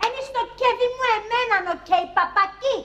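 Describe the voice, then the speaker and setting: An actress playing a headstrong, petulant young daughter with a Cypriot accent. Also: female voice, extremely high pitch, bright, forceful tone. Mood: defiant. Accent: Cypriot Greek. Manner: defiant, petulant. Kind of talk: sitcom acting. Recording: dull lo-fi TV sound.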